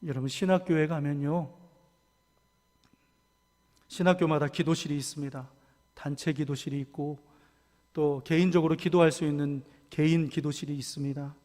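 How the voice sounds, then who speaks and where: A man preaching a sermon as pastor, swinging from hushed asides to loud fervent cries. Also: fairly high pitch, fairly even intonation, moderate pace, long pauses. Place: church sanctuary. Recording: long church reverb.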